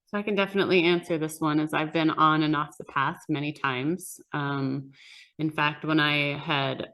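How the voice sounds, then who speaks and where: A woman guest in a casual roundtable chat, speaking candidly and filling pauses with many ums. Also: deep voice, fairly even intonation, a bit bright. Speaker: fitness club member guest. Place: fitness studio.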